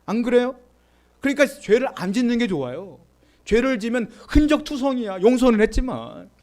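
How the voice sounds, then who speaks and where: A male pastor preaching a sermon in a conversational way, often asking the listeners questions and reading scripture aloud. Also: high voice. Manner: reads scripture aloud with the congregation.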